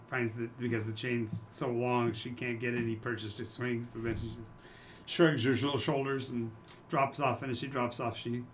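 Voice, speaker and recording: A man narrating a tabletop game as the game master. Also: medium pitch. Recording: noisy room with ambience.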